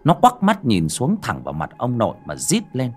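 A male storyteller narrates a horror audiobook. His pitch moves a great deal and he tells the story with expression. Faint music runs underneath. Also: huge pitch swings, moderate pace, breathy edge.

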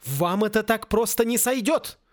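A man's voice: high-pitched, expressive, brisk, no echo, clean studio sound, voice pushed up. A man doing an indignant wizard professor. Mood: urgent. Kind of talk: audiobook character voice.

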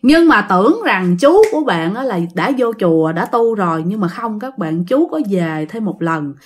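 A woman's voice: mid-range voice, lively intonation, normal speed. A woman telling a ghost story in a chatty way, often speaking straight to her listeners. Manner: chatty, addresses listeners directly. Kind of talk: casual spoken ghost story told to listeners.

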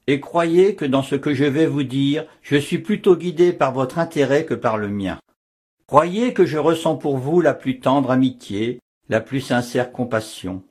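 A man reading the lines of a grave, measured monk prior in an audiobook. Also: fairly high pitch, a little mellow, husky. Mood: gently firm. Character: grave male monk prior, torn and firm.

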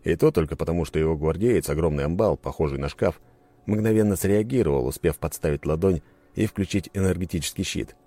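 A man narrating a first-person story in an expressive storytelling manner. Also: deep voice, brisk, no echo. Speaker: audiobook narrator.

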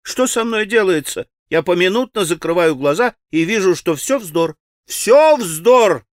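A man voicing an excitable, fussy middle-aged society lady who talks in a fretful, melodramatic way. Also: high-pitched, a little slow, no echo, clean studio sound, voice pushed up.

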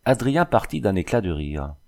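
A man reading a classic novel aloud in a measured audiobook narration. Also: lowish voice, very animated, creaky, darkish tone.

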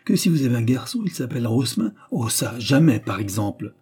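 A man's voice: mid-range voice, animated, brisk, darkish tone, husky. A man reading aloud and voicing a haughty young woman who mocks her suitor. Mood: teasing. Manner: teasing, scornful.

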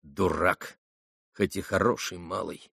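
A sensible young official, played by a male audiobook reader, muttering his irritated thoughts in a low, quiet voice. The recording is dry and close, with no room sound. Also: steady tone, slow pace, gravelly, breathy edge, no echo, exaggerated voice. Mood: grumbling. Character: sober, sensible young official, grumbling to himself.

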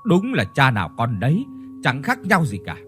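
A man's voice: medium pitch, wildly swooping pitch, moderate pace, fairly bright tone, soft background music. A man voicing a spiteful, scornful village mother in a ghost story. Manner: scornful, sneering.

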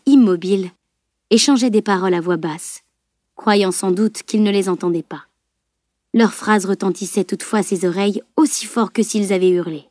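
A woman narrating a novel aloud as an audiobook reader, in a measured storytelling tone. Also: medium pitch, dark tone, no echo, studio quality. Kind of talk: scripted narration.

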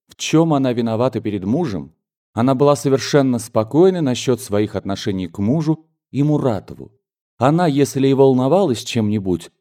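Male narrator with a dark, mellow voice. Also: medium pitch. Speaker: audiobook narrator. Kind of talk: audiobook reading of a classic novel.

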